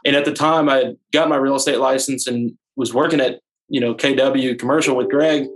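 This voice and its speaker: Young male guest from the Houston area, mid-pitched voice, casual conversational answers. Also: fairly even intonation, a little fast, rough recording. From Houston area, Texas. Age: young adult. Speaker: guest, real estate broker. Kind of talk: casual interview chat.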